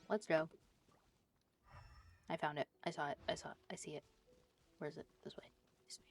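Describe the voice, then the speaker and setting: A woman with a low, fairly even voice speaks at a moderate pace while livestreaming a game. Her commentary is casual, full of chatty asides to viewers and repeated short phrases.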